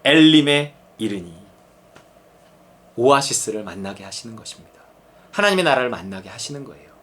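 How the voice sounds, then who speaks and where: A male pastor preaching a sermon earnestly, rising to emphatic points and sinking to hushed prayerful words. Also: medium pitch, very animated, a little fast.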